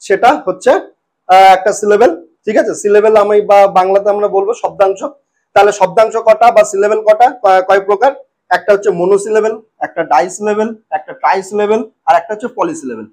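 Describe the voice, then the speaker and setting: High-voiced man teaching a lesson. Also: a little mellow. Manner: repeats words slowly and checks in often. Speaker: English teacher. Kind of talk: spoken lesson.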